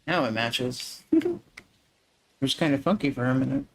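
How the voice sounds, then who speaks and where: A man hosting a relaxed gaming livestream, soft-spoken and unhurried, chatting to viewers as he builds and chuckling often. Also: mid-range voice, rough recording. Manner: talks through building steps to viewers. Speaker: livestream host.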